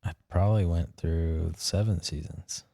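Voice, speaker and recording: A young man co-hosting a podcast in casual chat, blunt and quick to swear. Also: low-pitched, steady tone, gravelly, mellow, dry recording, clean studio sound. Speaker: podcast co-host.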